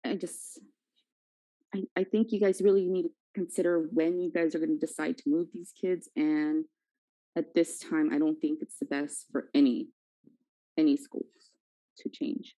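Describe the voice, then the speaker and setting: A woman, a parent, giving an emotional public comment at a school board meeting over a video call, halting and full of fillers. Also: low-pitched, fairly even intonation, warm tone, dry recording, poor audio.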